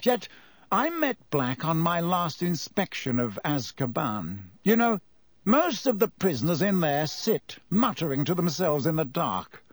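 A man's voice: a little high, very animated, a little slow, no room sound, voice pushed up. A man playing a pompous, self-important older government minister in an audiobook, grave and formal in delivery. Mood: unnerved, measured.

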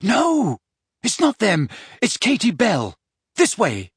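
Urgent storybook schoolboy, raised and higher, read by a man. Dry, close sound. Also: big pitch swings, measured pace, husky, dry recording, exaggerated voice. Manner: urgent, breathless shouting. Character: urgent brave teenage schoolboy.

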